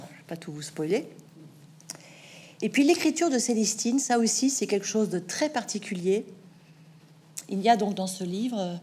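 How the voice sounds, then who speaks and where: A middle-aged woman novelist answering interview questions in a thoughtful, measured way, with hesitant restarts. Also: medium pitch, dark tone. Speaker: novelist guest.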